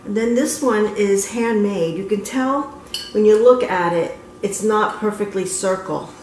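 A woman in her fifties shows off items from her antique booth in a casual show-and-tell vlog, moving from her living room to her car and then an antique mall. She chats with frequent ums and self-corrections in a medium-pitched, darkish, unhurried voice, over poor audio with a little hiss or hum.

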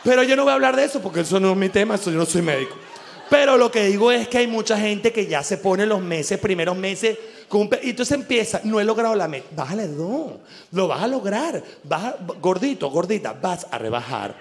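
A man with a Venezuelan accent doing an animated, crude stand-up comedy monologue, acting out little voices as he goes. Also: high voice, a little fast, slight background noise. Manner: animated, crude, laughs often, acts out voices. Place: live show venue.

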